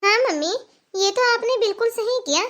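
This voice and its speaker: A woman voicing a spoiled, indignant young married woman in a cartoon, complaining with sharp retorts and scoffing laughs. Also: extremely high pitch, lively intonation, brisk. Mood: eager. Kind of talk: cartoon voice acting.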